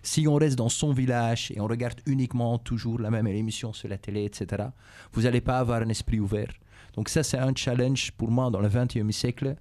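This is a middle-aged Belgian businessman with Dutch as his first language, speaking Flemish-accented French while answering schoolchildren's interview questions. His voice is male, medium-pitched, mellow, with fairly even intonation. The answers come calmly and measuredly, full of hesitations, repetition, and frequent "euh" and "et cetera."

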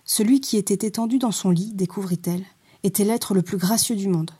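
A woman reads a storybook tale in a measured, expressive way. Her voice is mellow and dark, with a husky grain. It suits a calm bedtime telling. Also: medium pitch. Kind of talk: storybook narration.

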